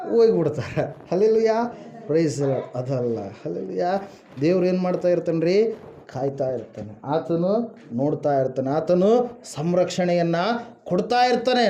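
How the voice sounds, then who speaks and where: High, dark-toned preacher in an echoey room. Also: male voice, a little hiss or hum. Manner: call-and-response questions, frequent hallelujahs. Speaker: pastor. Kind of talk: sermon. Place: house church room. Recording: echoey room, dull lo-fi sound.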